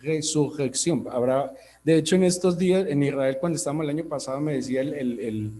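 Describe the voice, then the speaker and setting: A man's voice: quick pace, warm tone. A man from Colombia with a Colombian accent, preaching a sermon and stressing points with rhetorical questions; a tongue-tie makes his R sound guttural. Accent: Colombian Spanish. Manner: emphatic rhetorical questions, rising to high peaks.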